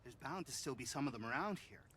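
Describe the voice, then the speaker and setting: Man playing a methodical game scientist, bright clear tone, earnest, technical, faint noise under. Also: mid-range voice, expressive, fast, close to an everyday voice. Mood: calm planning. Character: earnest male survivor scientist planning an escape. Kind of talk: video game dialogue.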